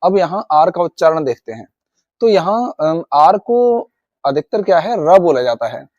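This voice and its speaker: High-voiced Indian man teaching pronunciation. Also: big pitch swings, unhurried, a little mellow, dry recording, lo-fi sound. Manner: repetitive, addresses viewers as guys. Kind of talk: classroom-style video lesson.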